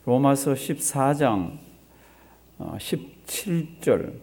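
With big pitch swings, drawn-out words, and a creaky, darkish mid-range voice, a male pastor preaches conversationally. He asks his congregation rhetorical questions, has them respond, and repeats phrases for emphasis.

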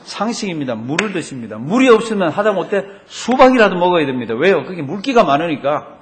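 Male pastor mid-sermon, fairly high and very animated voice, stretches out quoted verses, keeps quizzing the flock. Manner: animated preaching, drawn-out quoted verses, rhetorical questions to the congregation.

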